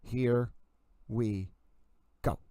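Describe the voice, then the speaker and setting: A man's voice: mid-range voice, fairly even intonation, very slow, dark tone, a little hiss or hum. A man hosting a livestream in a mock sports-commentary style, showy and emphatic, repeating catchphrases. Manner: showman-like, emphatic, repetitive catchphrases.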